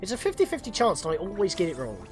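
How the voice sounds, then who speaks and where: A man commentating as he plays a video game live, chatty and quick to exclaim. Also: high-pitched, wildly swooping pitch, over music. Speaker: streamer playing a game. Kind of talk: live let's-play commentary.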